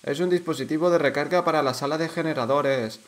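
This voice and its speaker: Excitable Canary Islands Spanish gamer. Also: male voice, a little high, fast talker. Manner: excitable, swears and shouts at enemies. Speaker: let's play gamer. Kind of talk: casual gameplay commentary.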